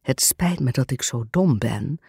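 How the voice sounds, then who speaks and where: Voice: medium pitch, animated, a little slow, creaky, warm tone, breathy edge, no echo, studio quality, heavily acted. A narrator playing a confused, whispering lady. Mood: bewildered. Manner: whispering, apologetic. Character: confused, timid upper-class lady.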